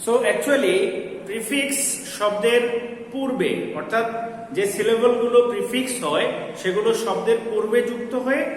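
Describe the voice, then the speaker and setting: A man with a Bangladeshi accent teaching English grammar to students, slowly spelling out letters and switching between Bengali and English. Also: very high-pitched. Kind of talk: classroom grammar lesson. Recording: echoey hall, distant mic, faint noise.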